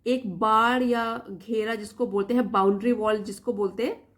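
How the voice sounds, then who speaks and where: A woman with an Indian accent who teaches English. She reads English sentences slowly, word by word, then explains them in Hindi. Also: fairly high pitch, steady tone, fairly bright tone. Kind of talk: Hindi-medium English reading lesson.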